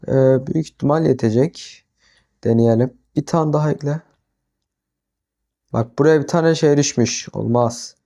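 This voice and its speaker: Young guy doing casual let's-play commentary, mellow voice, talks to himself, keeps getting fed up and yelling. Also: mid-range voice, vocal fry. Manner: talks to himself, flares into exasperated yelling at the animals. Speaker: gaming YouTuber.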